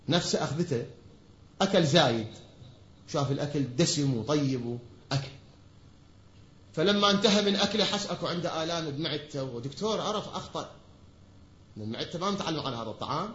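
A man's voice: on the high side, animated, fairly quick, pauses often. A man with an Iraqi Arabic accent preaching from a pulpit. He speaks emphatically, asking his listeners rhetorical questions and answering them himself. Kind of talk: pulpit sermon. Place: pulpit in a large hall. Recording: echoey hall, dull lo-fi sound.

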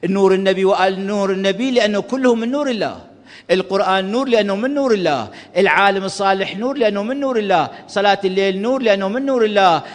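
Brief: male preacher, high voice, rapid fervent delivery, long hall reverb. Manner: fervent, swings from loud exhortation to soft asides. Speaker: cleric preacher. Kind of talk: religious sermon to a gathering.

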